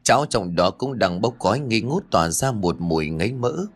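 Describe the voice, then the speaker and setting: A man narrating a scripted horror story, telling it in a dramatic and animated way. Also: on the low side, moderate pace. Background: faint music.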